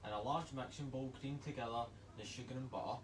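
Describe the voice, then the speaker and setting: A Scottish man, a chef, giving a relaxed, chatty cooking demonstration and reading out recipe steps. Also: medium pitch, fast talker, background noise. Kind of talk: casual cooking demo on a livestream.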